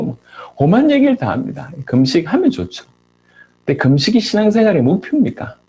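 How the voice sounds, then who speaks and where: A middle-aged male pastor delivering a sermon with a husky, slightly raspy voice. His pitch swings widely as he climbs into pointed rhetorical questions, then drops back to a low, confiding tone. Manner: animated preaching with rising rhetorical questions.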